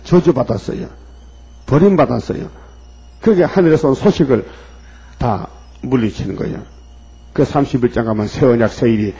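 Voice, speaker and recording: A man's voice: medium pitch, dark tone, slightly rough. A man preaching a sermon in an emphatic way, firing pointed questions at his listeners. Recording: dull lo-fi recording.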